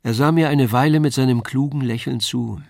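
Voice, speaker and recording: A man reading a classic novella aloud in measured storytelling narration. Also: mid-range voice, vocal fry, a little mellow, no echo, studio quality. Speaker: reader.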